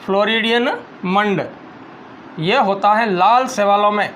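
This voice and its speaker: A male teacher giving a school biology lesson, slowly dictating notes and repeating phrases for students to write down. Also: sits high, fairly even intonation, a bit bright, a little hiss or hum.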